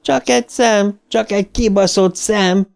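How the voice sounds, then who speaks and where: A man voicing a frail asthmatic boy who yells frantically and furiously in high shrieks. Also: soft background music. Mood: frenzied shouting.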